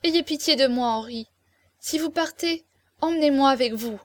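An imploring young woman, tender and close to tears, as a woman reader puts her on, her voice lifting higher as she pleads. The reading is dry and close, with no room around it, in the manner of a storybook told aloud. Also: moderate pace, a little mellow, no echo, natural voice. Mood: pleading. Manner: emotional, imploring, tearful. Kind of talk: audiobook character reading.

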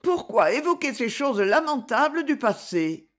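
A woman voicing a gentle, frightened young noblewoman who speaks softly and pleadingly. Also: high-pitched, very animated, a little slow, voice pushed up. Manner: soft and pleading.

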